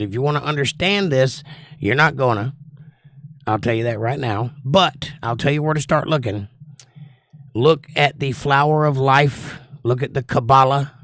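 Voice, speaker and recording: A man's voice: mid-range voice, fairly bright tone. A man talks in a dry, echo-free space. He has a folksy hillbilly drawl and an opinionated way of putting things, full of rhetorical questions. He speaks off the cuff, like a livestream host chatting with viewers. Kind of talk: casual livestream chat, monologue answering viewers.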